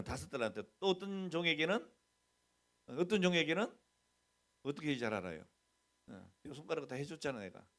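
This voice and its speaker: A middle-aged man, the senior pastor, preaching a conversational sermon. He keeps asking the congregation questions and acts out quoted bits of dialogue. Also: on the high side. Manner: mixes plain talk with quoted mock dialogue.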